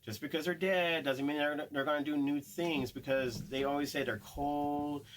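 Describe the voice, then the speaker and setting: A man's voice: a little high, steady tone, normal speed, rough recording. Chatty man talking ghosts. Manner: rambling, acts out what spirits say. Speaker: paranormal investigator. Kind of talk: casual podcast chat.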